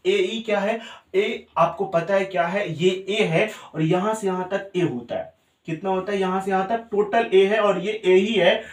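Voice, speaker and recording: A man teaching a physics lesson, repeating each point and quizzing his students. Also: sits high. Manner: mixes Hindi with English terms. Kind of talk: classroom lecture. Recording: roomy sound, mic set far off.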